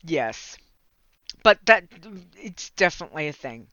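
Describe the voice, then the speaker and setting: Here a native English-speaking Australian livestream host rambles casually to viewers, laughing frequently and fumbling words. The medium-pitched voice is sing-song and sharp, delivered at a measured pace. Audio is dry, from a slightly dull lo-fi mic.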